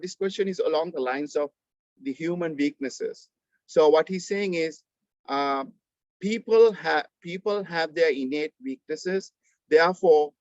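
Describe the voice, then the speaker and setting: A fairly high-pitched male lecturer with a Sri Lankan accent teaches an online class. He explains emphatically but haltingly, often repeating phrases. The sound is slightly dull, as on a video call. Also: darkish tone, no echo. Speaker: university lecturer.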